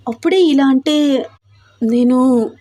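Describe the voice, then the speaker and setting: A shy, flustered young bride in a storybook romance who scolds and exclaims in a high, raised voice, as a woman reader puts her on. She sounds caught off guard and defensive throughout. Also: slow, dark tone. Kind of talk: storybook character voice.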